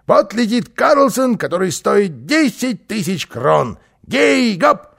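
Man putting on Karlsson, a cocky creaky show-off. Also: high voice, very animated, measured pace, pitched above the performer's own voice, exaggerated voice. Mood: gleeful. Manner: showy, singsong, self-praising. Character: boastful, mischievous plump little man who flies. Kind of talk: storybook reading, voiced character.

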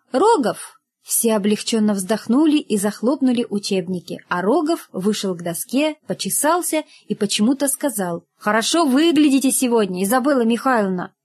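A woman narrating a children's story chapter in a lively, expressive reading. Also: on the high side, husky.

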